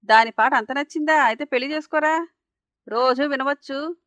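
A woman voicing a harsh, bullying middle-aged aunt in a told story, scolding and shouting sarcastically. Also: sits high, fast, no echo, studio quality, voice pushed up, natural voice. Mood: sarcastic. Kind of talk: storytelling narration.

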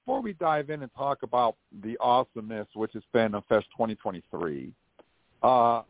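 Fairly low in pitch, this American podcast host runs a live call-in show for fans in a folksy, showman-like style. There's no echo; the sound is dry and narrow, much like a phone.

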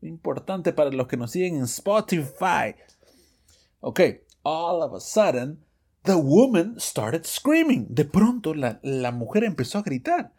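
A man teaching English phrases in a Spanish-language lesson podcast, lively and self-correcting, reading the example sentences slowly. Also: on the high side, slightly rough. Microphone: studio microphone, audio only.

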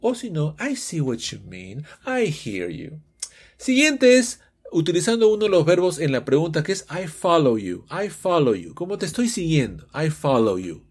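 A husky-voiced male English teacher with a slightly raised pitch, leading a lesson for Spanish speakers. He swings his voice up and down with animated energy as he moves between explanation and English example phrases. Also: moderate pace. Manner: playfully acts out students' questions in raised voices.

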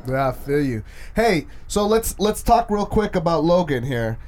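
A man's voice: on the high side, sing-song, normal speed, a little mellow. A man interviewing a fighter, asking teasing, crude questions in a loose, joking way. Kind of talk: casual interview chat.

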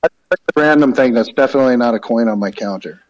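A man's voice: medium pitch, fast. A man in casual, joking chat as a radio show guest, calling in from a living room full of reverb. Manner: joking, playful. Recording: echoey reverberant room, off mic.

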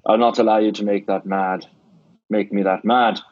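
An actor playing a shrewd, blunt middle-aged Scottish theatre owner, with a Scottish accent, in an old-time radio drama. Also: male voice, fairly low pitch, steady tone, moderate pace, no echo, natural voice. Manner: blunt, scolding, sly. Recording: dull dry lo-fi radio recording.

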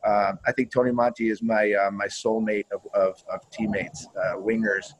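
A man's voice: lowish voice, little pitch movement, moderate pace, husky, poor audio. A man who played pro hockey, telling stories in a casual interview and swearing freely, often repeating and restarting his words.

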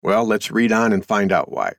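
A man's voice: fairly low pitch, animated, normal speed, gravelly, dry recording, studio quality. A middle-aged man hosting a show, reading a news article aloud and commenting on it in a folksy, conversational way. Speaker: host.

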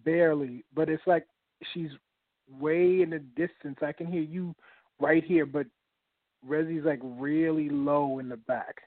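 A man's voice: on the high side, steady tone, a little slow, no echo. A man calling in over a thin phone line, repeating himself as he checks what he can hear. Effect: thin phone-line sound. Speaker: caller testing a phone connection. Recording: tinny dry phone line.

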